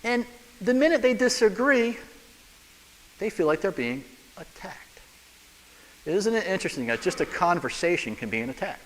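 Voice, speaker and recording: A man's voice: sits high, expressive, normal speed, pauses often, fairly bright tone. Man preaching with long church reverb. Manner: conversational, rhetorical questions, humorous. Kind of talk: sermon. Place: church sanctuary.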